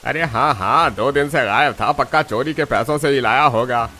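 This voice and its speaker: A man voicing a bullying neighbor who jeers roughly and accuses loudly. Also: medium pitch, normal speed, slight background noise, lightly acted. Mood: hostile. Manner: rough, jeering.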